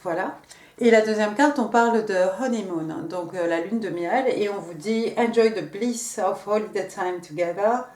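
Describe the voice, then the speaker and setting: A woman's voice: mid-range voice, normal speed, darkish tone, recorded from a distance, slight background noise. A woman giving a casual tarot card reading, hesitant, with many fillers and restarts. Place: room at home. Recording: roomy, from off the mic.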